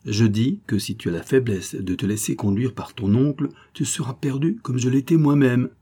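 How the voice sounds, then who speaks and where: A man's voice: mid-range voice, moderate pace, warm tone, husky, voice pushed up, close to an everyday voice. A man reading aloud, voicing a greedy, scheming older countess who speaks in indignant reproaches.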